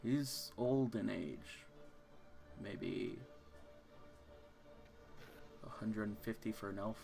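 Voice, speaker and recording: Man, game master, low voice, gravelly, descriptive narration. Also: darkish tone, faint music behind. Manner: slow, descriptive scene-setting.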